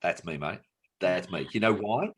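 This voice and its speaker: Australian man, husky, lively pitch, jokey storyteller, casual chat. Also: moderate pace. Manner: animated, jokey storytelling with acted-out quotes. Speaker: co-host.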